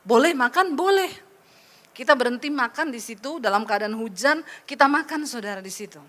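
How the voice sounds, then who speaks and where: A middle-aged woman pastor preaching a lively, chatty sermon, teasing the congregation with asides. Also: fairly high pitch, a little fast.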